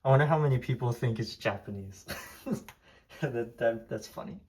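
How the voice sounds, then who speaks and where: A young man from Taiwan whose mother tongue is Hokkien casually rambles through his diecast collection room for a tour vlog, heavy on fillers and restarts. His voice is mid-range and darkish, delivered at normal speed.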